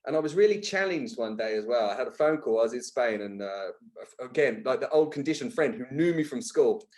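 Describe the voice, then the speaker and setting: On a podcast, a guest relates honest personal anecdotes conversationally and forcefully. He's a man with an expressive, darkish mid-range voice and a brisk delivery.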